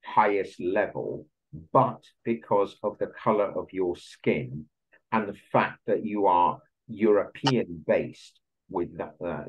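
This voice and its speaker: Low husky interviewer on a dull call. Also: male voice. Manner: careful, probing questions. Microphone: video call laptop mic. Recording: dull lo-fi video call audio.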